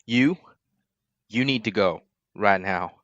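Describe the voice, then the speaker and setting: A man voicing a calm, protective male servant in a tabletop game, speaking low and quietly. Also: slow, no echo, highs cut off.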